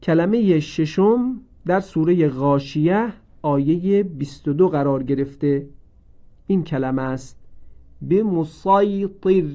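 A man with a fairly high, mellow voice teaches Quran reading in a recorded lesson. He talks slowly and deliberately and stretches out each word he recites. The recording sounds dull and lo-fi. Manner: slow, deliberate, repeats each word with drawn-out recited forms.

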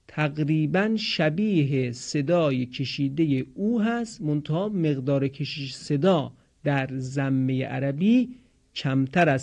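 A man teaching Quran recitation in a pronunciation lesson, explaining patiently and sounding out model words slowly for listeners to repeat. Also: on the high side, darkish tone.

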